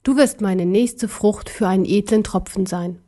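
A woman voicing an arrogant, cruel ancient emperor in an audiobook, speaking slowly and scornfully. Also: mid-range voice, warm tone, close to an everyday voice. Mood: gloating. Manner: slow, scornful and gloating. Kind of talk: audiobook character voice.

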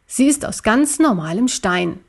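A woman voicing Wuff, a small, timid male stuffed-toy dog in a storybook, speaking in a hushed, uneasy way. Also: fairly high pitch, lively intonation, measured pace, vocal fry, full character voice.

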